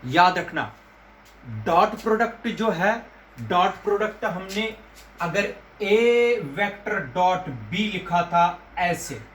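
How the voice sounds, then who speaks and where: A man gives a classroom physics lecture. He repeats each key term patiently and talks in a high, slow voice. The recording is roomy, with faint ambient noise behind him. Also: fairly bright tone. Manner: repeats key terms slowly, calls students "beta". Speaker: physics teacher. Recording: echoey room with faint ambience.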